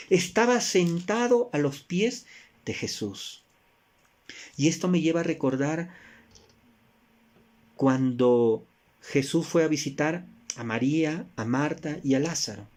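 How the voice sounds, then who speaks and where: A man from Peru with a Peruvian Spanish accent preaching a sermon, asking rhetorical questions and moving between emphatic rises and soft drops. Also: mid-range voice.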